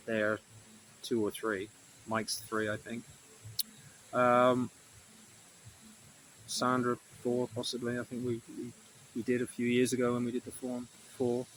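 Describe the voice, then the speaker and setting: A man's voice: medium pitch, completely flat delivery, a little slow, long pauses, fairly bright tone, a little hiss or hum, rough recording. A man recording a casual, rambling video diary, swearing often and correcting himself, with a mildly sore throat. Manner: meandering, self-correcting, frequent swearing. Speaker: vlogger.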